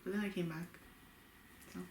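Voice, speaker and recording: A woman in her late twenties from Los Angeles, USA, speaks at normal speed in a lowish, darkish voice with fairly even intonation. As co-host of a couple's Q&A vlog, she tells stories in a casual, easygoing, giggly manner. The room is echoey with a faint hiss.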